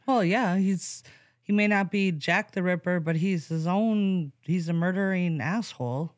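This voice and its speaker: A man's voice: high voice, no echo, studio quality. A man co-hosting a podcast, chiming in with short casual reactions. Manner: quick reactive comments. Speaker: podcast co-host. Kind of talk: casual chat.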